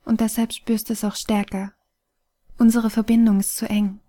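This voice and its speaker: A woman voicing a weary, wise phoenix spirit that is fading away, speaking calmly and softly in an audiobook reading. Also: fairly high pitch, moderate pace, lightly acted. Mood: gentle, sorrowful.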